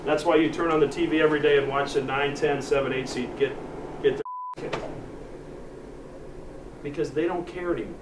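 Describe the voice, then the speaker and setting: An American man, a college team coach, giving an earnest, deliberate pep speech to his players in the locker room, pausing for emphasis. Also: a little high, steady tone. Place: locker room, heard from a distance. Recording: echoey distant room recording with loud noise.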